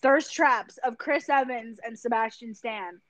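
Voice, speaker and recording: A woman's voice: fairly high pitch, a little slow, no echo. A woman co-hosting a podcast in casual chat, teasing and sweary, laughing often. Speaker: podcast co-host.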